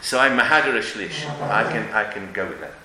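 A man's voice: on the low side, animated, normal speed, crowd noise. A man giving an emphatic religious lecture with stories and rhetorical questions, sprinkling in Hebrew and Yiddish terms. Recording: echoey room with background noise.

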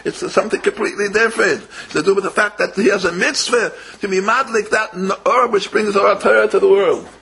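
A man's voice: sits high, steady tone, a little fast, gravelly, few pauses, pushed and bright, slightly rough. An older man giving an informal religious lecture as a rabbi, repeating phrases and answering his own questions. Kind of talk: informal religious lecture with stories and Hebrew quotes.

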